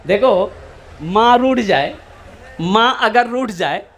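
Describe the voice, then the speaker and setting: A male preacher with a high voice delivers an animated sermon to a gathering and keeps urging the listeners to answer him. His voice echoes through a roomy hall. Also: takes it slowly. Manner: animated, calls for the crowd to answer back. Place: religious gathering.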